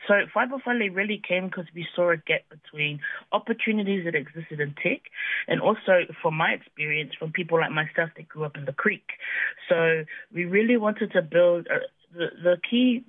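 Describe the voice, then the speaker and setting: An upbeat, fairly high-voiced man talks about his tech venture as a radio guest. His voice comes through a narrow, phone-like band, with no room sound around it. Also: normal speed, no room sound. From New Zealand. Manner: upbeat, laughs often, proud of his roots. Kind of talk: radio interview.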